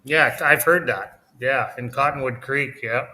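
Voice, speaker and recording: A man co-hosting a casual livestream chat from his home, talkative and quick to laugh. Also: mid-range voice, bright, forceful tone. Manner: chatty, laughs often. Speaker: livestream co-host. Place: home in Mexico.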